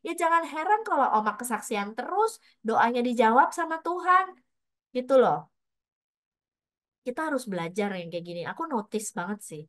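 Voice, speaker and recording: A woman's voice: fairly high pitch, sing-song, normal speed, long pauses, fairly bright tone, dry recording. Chatty middle-aged woman preaching, dry sound. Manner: chatty, mixes in English words. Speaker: pastor. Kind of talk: casual sermon with personal stories.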